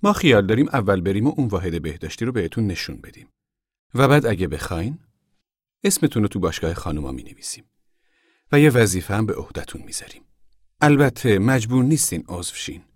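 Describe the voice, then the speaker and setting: A man's voice: on the low side, very animated, no echo, studio quality. A man voicing a proud, stout woman who chairs a camp committee, speaking formally and weightily as if her words were rehearsed. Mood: earnest.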